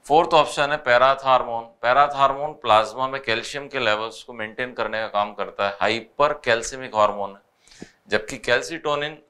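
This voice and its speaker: A man with an Indian accent, a biology teacher going over test answers, mixing Hindi with English and reading questions out slowly. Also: mid-range voice, bright, forceful tone, smooth. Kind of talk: explaining test solutions.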